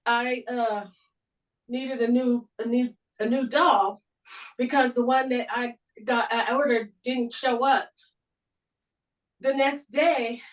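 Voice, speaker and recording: Slow-talking woman telling a personal story. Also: high-pitched, recorded from a distance, low-quality recording. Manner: slow, unhurried and conversational. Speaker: guest speaker. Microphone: video call.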